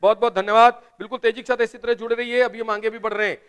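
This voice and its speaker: High-voiced male chemistry teacher. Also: level tone, a bit bright, clean tone. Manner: urges students to answer quickly in chat; explains step by step, often asks "right?". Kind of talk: live online class lecture.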